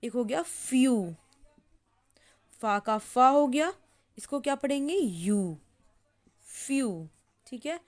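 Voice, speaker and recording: Slow patient woman teaching spelling. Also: high-pitched, expressive, a little mellow. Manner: repeats words slowly while writing, says "ठीक है" often. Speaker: English teacher. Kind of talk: slow explanatory lesson.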